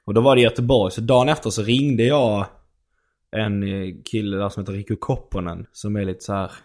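A man's voice: on the low side, steady tone, a little mellow. A young male stand-up comedian telling an anecdote in casual chat, rambling and full of fillers.

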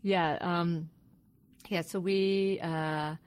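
A woman's voice: lowish voice, steady tone, very slow, a little mellow, no room sound. A woman in her forties, originally from Iran, talking as a scientist guest on a podcast in a thoughtful, hesitant way. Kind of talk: podcast interview.

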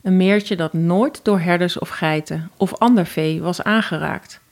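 A woman with a Dutch accent narrating a fairy tale in a calm, even storytelling voice. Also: lowish voice, a little slow.

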